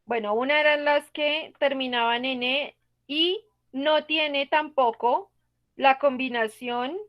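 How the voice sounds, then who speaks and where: High-voiced woman teaching online. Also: slow, dull audio. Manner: patient, explains step by step with questions to students. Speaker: English teacher. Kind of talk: online class explanation.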